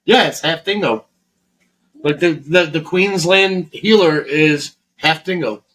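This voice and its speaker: A man from Florida talks in loose, meandering casual chat as a podcast co-host, peppering every thought with swearing and false starts. His voice sits a little higher than most men's. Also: slow pace, fairly bright tone, poor audio. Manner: rambling and heavily profane, with many restarts.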